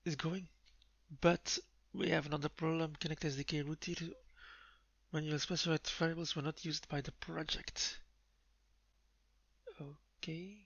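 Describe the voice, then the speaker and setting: Gravelly, bright-toned man muttering while coding. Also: a little high, flat delivery, a little slow, long pauses, no echo. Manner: muttering, self-talk with fillers and restarts. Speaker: live coding streamer. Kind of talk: casual think-aloud while coding. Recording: dull lo-fi mic with keyboard typing.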